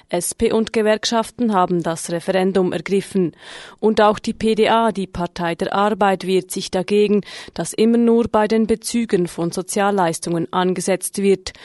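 A woman presenting radio news in a crisp, steady read. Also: mid-range voice, no echo, studio quality.

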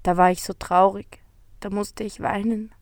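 A woman voicing a sad little male beetle in a storybook, talking in a soft, weepy, sighing way. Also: mid-range voice, flat delivery, normal speed, dry recording, studio quality, close to an everyday voice. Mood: sorrowful.

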